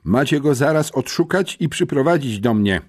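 A man's voice: mid-range voice, huge pitch swings, measured pace, darkish tone, husky, voice pushed up, heavily acted. A man voicing a stern, pompous school headmistress in an audiobook, curt and commanding. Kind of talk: audiobook character voice.

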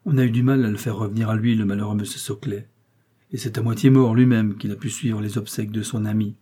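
A man's voice: on the low side, fairly even intonation, quick pace, warm tone, slightly rough. A man reading a naive, chattering loyal fellow. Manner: eager, chattering, easily alarmed. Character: naive, talkative, loyal working-class man. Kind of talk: audiobook character reading.

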